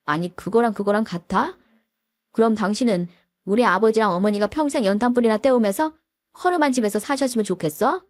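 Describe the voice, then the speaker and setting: A woman's voice: fairly high pitch, a little fast, no room sound, studio quality, close to an everyday voice. A woman voicing an angry husband who barks and scolds. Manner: barking, scolding. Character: angry husband defending his family.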